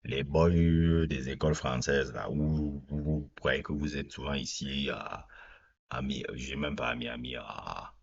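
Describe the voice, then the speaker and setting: As a reaction video host, a man with an extremely deep, husky voice rambles unhurriedly through his opinions. He addresses viewers directly in a loose, casual manner, and the recording is dull and lo-fi.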